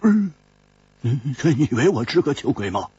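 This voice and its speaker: A man's voice: mid-range voice, sing-song, normal speed, mellow, slightly rough, no echo, pitched below the performer's own voice. Man voicing a hesitant carefree swordsman. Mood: gentle. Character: carefree young swordsman, a hard drinker. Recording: dull lo-fi recording.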